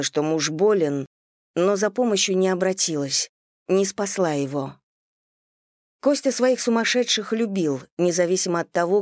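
An audiobook narrator reading a novel in steady, even scripted narration. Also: mid-range voice, no echo, studio quality.

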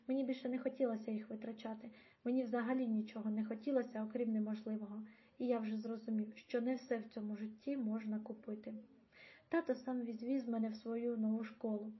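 A woman reading a novel aloud as an audiobook in an even, measured way. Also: fairly high pitch. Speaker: audiobook reader. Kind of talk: audiobook narration. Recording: dull lo-fi audio.

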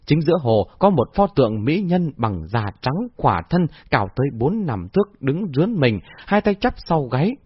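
A man's voice: on the high side, normal speed, hardly any pauses, husky, no echo. A man narrating a novel expressively as an audiobook reader. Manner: expressive, lively storytelling. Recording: dull lo-fi dry recording.

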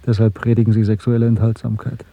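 An actor playing a bitter, brooding male dissident in a radio drama, earnest and intense with a husky voice. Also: on the low side, completely flat delivery, fast, no echo. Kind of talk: German radio drama acting. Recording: muffled phone-like band, faint music behind.

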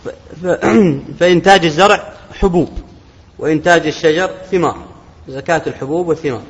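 A man teaching a religious text, explaining in quick, conversational lesson commentary. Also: on the high side, breathy edge. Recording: dull recording in a large reverberant hall.

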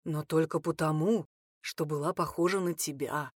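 A woman voicing a gentle, flustered widowed male innkeeper who speaks softly and hesitantly. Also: low-pitched, fairly even intonation, moderate pace, husky, no room sound, clean studio sound, pitched below the performer's own voice. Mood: tender. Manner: soft, hesitant, apologetic.

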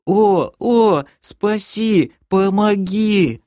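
A man voicing a pitiful, shrill male creature who wails and pleads in an audiobook. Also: drawn-out words, darkish tone, no room sound, studio quality. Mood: wailing. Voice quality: shrill, plaintive. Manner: wailing, pleading, self-pitying. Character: whiny pitiful fish-loving creature, male. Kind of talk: audiobook character voice.

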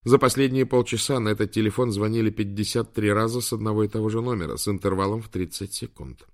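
A man's voice: on the low side, quick pace, natural voice. A man doing an urgent young woman. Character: determined young woman on the run.

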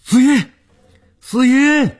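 A man voicing a frantic young woman who shouts commands and cries out desperately as she searches for a missing friend. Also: high voice, drawn-out words, slightly rough, dry recording, clean studio sound, voice pushed up, full character voice. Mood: desperate calling.

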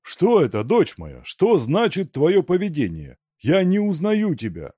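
A man's voice: on the high side, huge pitch swings, a little slow, mellow, slightly rough, dry recording, pitched above the performer's own voice, full character voice. Man doing a fretful old father. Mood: exasperated. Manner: fretful, pleading. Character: worried old merchant father, fussy and anxious.

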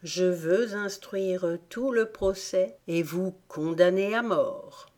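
A woman voicing a sly, bored male dog who plays judge, in a brisk commanding manner. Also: lowish voice, a little mellow.

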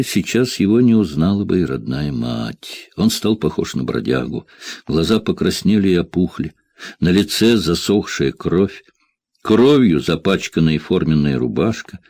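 A man narrating a thriller audiobook in a steady, measured reading. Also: low-pitched, no room sound.

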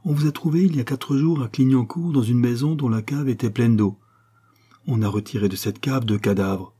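A man plays a stern, self-assured doctor in an audiobook. He speaks calmly and firmly, in a dark, slightly husky voice. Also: mid-range voice, quick pace, close to an everyday voice. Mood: explaining. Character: stern, confident male doctor.

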